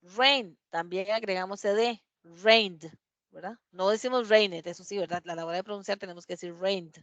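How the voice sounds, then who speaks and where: In a classroom, a woman teacher explains grammar, reading English examples aloud slowly and checking understanding with "¿verdad?". Her mid-range voice has a fairly bright tone, and the recording is dry and muffled.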